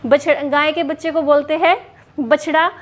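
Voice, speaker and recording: A woman's voice: high voice, steady tone, normal speed. A woman teaching an exam-prep lesson, asking a question and answering it herself, standing in a small room. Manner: repeats questions and answers for drilling. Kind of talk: classroom lesson. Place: hot room without a fan, standing.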